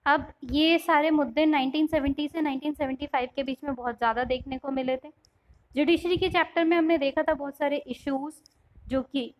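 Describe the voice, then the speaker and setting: A young woman teaching with a high voice. She switches easily between Hindi and English and works through simple everyday examples, keeping a patient explanatory tone. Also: poor audio. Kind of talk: explanatory class lecture.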